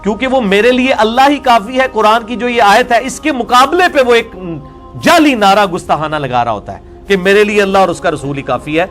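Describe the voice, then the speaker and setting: High-voiced man giving a combative religious lecture. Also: expressive, a bit bright, soft background music. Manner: explaining verse by verse, combative. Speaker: religious scholar.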